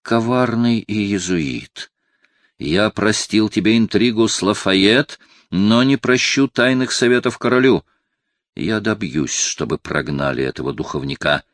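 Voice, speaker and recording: A man reading an audiobook, voicing a proud, quick-tempered cardinal in his fifties who bursts into loud indignation. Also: lowish voice, no echo, studio quality, lightly acted. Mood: fretful. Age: 50s. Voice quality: flaring into loud indignant outbursts. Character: imperious aging cardinal, proud, quick to anger. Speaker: audiobook reader voicing a character.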